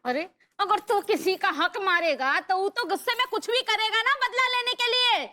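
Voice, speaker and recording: A woman's voice: extremely high pitch, normal speed, very noisy. An actress playing a brash, scolding woman in a TV sitcom. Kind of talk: sitcom acting.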